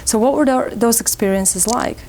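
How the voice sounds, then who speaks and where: A woman interviewing a guest with probing questions and steady "mm-hmm" acknowledgments. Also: fairly high pitch, normal speed, a little hiss or hum, rough recording. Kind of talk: conversational interview.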